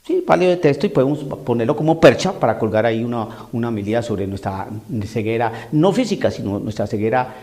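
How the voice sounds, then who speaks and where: A man's voice: mid-range voice, animated, quick pace, few pauses, a little mellow. A man preaching a sermon, emphatic and repetitive, often acting out the voices he quotes.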